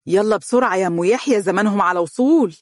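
A man voicing a brisk older Egyptian mother who scolds and hurries others along. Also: mid-range voice, no echo, clean studio sound, pitched above the performer's own voice, close to an everyday voice. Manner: brisk and reproachful.

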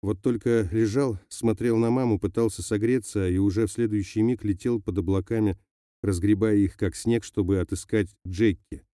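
A man narrating an audiobook in a steady, measured reading voice. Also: on the low side, dry recording, studio quality. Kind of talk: scripted narration.

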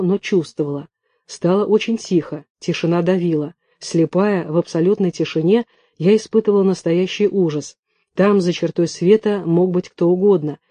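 A man reading first-person fiction aloud in a hushed, tense storytelling manner. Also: high-pitched, no room sound. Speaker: audiobook reader.

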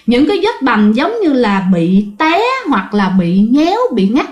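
Brief: woman, fairly high voice, chatty storyteller talking to listeners, roomy echo. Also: sing-song, unhurried, a little mellow, highs cut off. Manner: chatty, addresses listeners directly, many fillers. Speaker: ghost story teller. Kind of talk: conversational storytelling.

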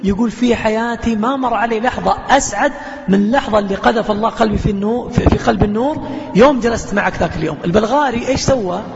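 A quick, high-voiced man preaches, animated and earnest. He sounds muffled, with a long reverb trailing through a big lecture hall. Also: vocal fry, slight background noise. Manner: animated storyteller, earnest exhortation. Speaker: preacher answering questions. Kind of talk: lecture with audience Q&A.

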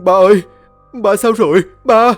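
A man voicing a middle-aged son who calls out loudly and anxiously to his dying father. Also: high voice, moderate pace, faint music behind, voice pushed up, close to an everyday voice. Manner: loud, pleading calls.

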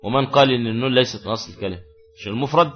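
A man's voice: medium pitch, racing, highs cut off, soft background music. A man teaching an Arabic grammar lesson, repeating key words and asking the class questions.

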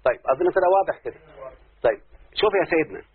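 Man, Egyptian accent, classroom teacher, keeps quizzing students, somewhat high voice, lo-fi phone-line sound. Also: sing-song, racing, husky. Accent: Egyptian Arabic. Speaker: teacher of Arabic morphology. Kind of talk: classroom lesson. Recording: tinny phone-like lo-fi recording.

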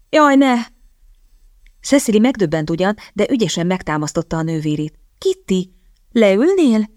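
A woman reading an audiobook aloud in scripted, even and measured storytelling. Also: on the low side, no echo, studio quality. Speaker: audiobook narrator. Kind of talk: scripted narration.

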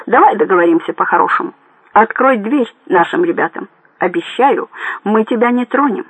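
Volatile thug boss, shouty and high-strung, read by a man, dry close sound. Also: animated, moderate pace, slightly rough, no echo, exaggerated voice, low-quality recording. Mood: taunting. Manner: yelling, frantic, threatening. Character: angry shouting male gang leader, volatile.

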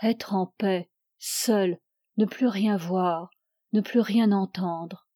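A woman narrating a classic French novel in a measured, expressive audiobook reading. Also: medium pitch, no echo, studio quality.

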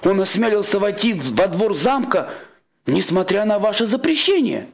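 A man's voice: sits high, sing-song, normal speed, creaky, highs cut off, pitched above the performer's own voice, heavily acted. A man doing an agitated palace guard. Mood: urgent. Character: excited palace guard, a soldier reporting.

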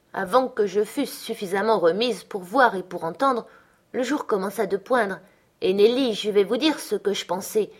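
A woman's voice: medium pitch, lightly acted. A woman voicing a delirious, frightened young woman in an audiobook, anxious and pleading. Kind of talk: audiobook character reading.

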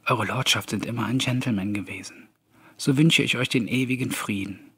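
A man voicing a timid, frightened male tenant farmer, meek and stammering, often hushed to a whisper. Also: medium pitch, normal speed, husky, no echo.

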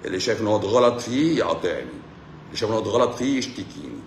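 Egyptian male doctor, livestream host, rapid blunt lecturer, echoey room. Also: lowish voice, big pitch swings, a little hiss or hum. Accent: Egyptian Arabic. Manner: lecturing, blunt, with frequent rhetorical checks. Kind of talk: livestream talk to viewers.

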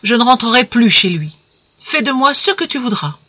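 A woman playing a distraught young wife, husky. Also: mid-range voice, animated, unhurried, fairly bright tone. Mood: anguished. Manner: pleading, then firm and grave.

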